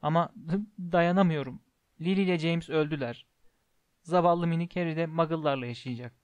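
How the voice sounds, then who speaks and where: A man voicing a huge, gentle giant who is deferential and stammers when upset. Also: a little high, moderate pace, dry recording, natural voice. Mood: tearful.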